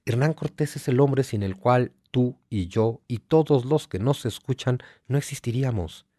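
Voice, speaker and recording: A Mexico City man in his forties holds forth as a guest, building long lists and firing rhetorical questions with conviction. His voice sits in a middle pitch. The sound is close and completely dry. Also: moderate pace, warm tone, no echo. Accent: Mexico City Spanish. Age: 40s. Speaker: guest writer. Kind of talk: conversational interview.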